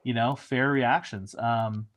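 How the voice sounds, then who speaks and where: A man's voice: medium pitch, fairly even intonation, slow pace, a bit bright. A man, a showrunner, chatting casually in an interview, rambling with frequent restarts and fillers.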